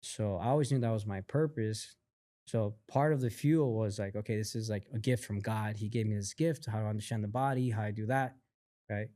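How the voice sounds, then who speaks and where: Man, podcast guest, low mellow voice, animated casual storytelling, acts out quotes, dry close sound. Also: brisk, dry recording. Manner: animated storyteller, acts out others' words, many fillers. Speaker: podcast guest, company founder.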